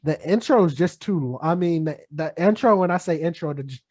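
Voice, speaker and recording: A man with a notably high voice hosts a relaxed podcast chat. He teases his friends and laughs easily between questions. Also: a little fast. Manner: laughs a lot, teasing. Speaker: podcast host. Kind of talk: casual chat.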